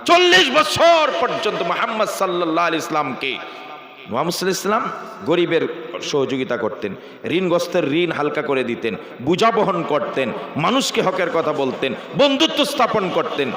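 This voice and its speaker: A man preaching a sermon in a storytelling manner that builds into shouted fervor, over loudspeakers at a large gathering. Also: on the high side, sing-song, moderate pace. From Bangladesh. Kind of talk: sermon at an outdoor religious gathering. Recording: echoey hall, public address sound.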